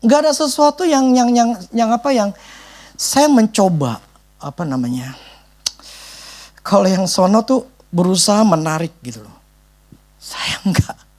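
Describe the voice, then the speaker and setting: Brief: male pastor, lively swooping pitch, chatty emphatic sermon delivery. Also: a little slow, long pauses. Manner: emphatic, conversational, repeats "gitu loh".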